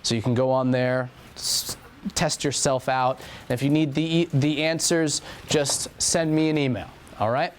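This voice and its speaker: A man's voice: mid-range voice, fairly even intonation, moderate pace, clean tone. A young man teaching an anatomy and physiology lab review in a classroom, talking casually and repeating key points.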